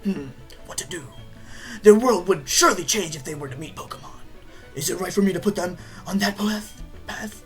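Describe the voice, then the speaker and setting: A woman voicing a grave, stern old male professor in a video game, speaking slowly and solemnly. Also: lowish voice, animated, soft background music, lightly acted.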